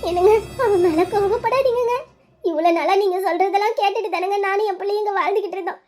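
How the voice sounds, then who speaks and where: Woman voicing a very high-pitched tearful mother. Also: fast talker, darkish tone, soft background music. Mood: pleading, tearful. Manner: sobbing, pleading, deferential. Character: tearful pleading mother, middle-aged housewife. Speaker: wife and mother Lakshmi. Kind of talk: audio drama acting.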